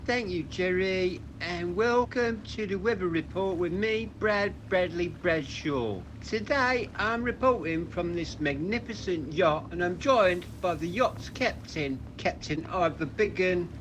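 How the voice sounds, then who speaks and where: A man's voice: high-pitched, unhurried, hardly any pauses, a bit bright, slight background noise, low-quality recording. A man playing a chipper, gullible weatherman reporting from a yacht. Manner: chipper, broadcast delivery.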